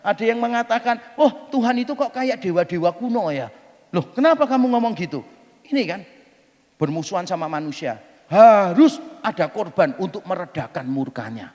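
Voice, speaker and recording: High, lively preacher in a hall. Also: male voice, normal speed. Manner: lively, humorous storytelling with mock voices. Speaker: pastor. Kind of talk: sermon. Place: church hall. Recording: long hall reverb.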